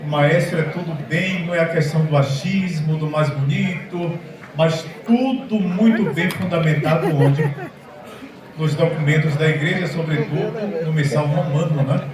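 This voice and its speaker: A man's voice: on the high side, normal speed, crowd noise. Brazilian man moderating in an echoey hall. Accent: Brazilian Portuguese. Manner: encouraging, asks rhetorical questions. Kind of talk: addressing the audience. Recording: echoey hall from far off, audience murmur.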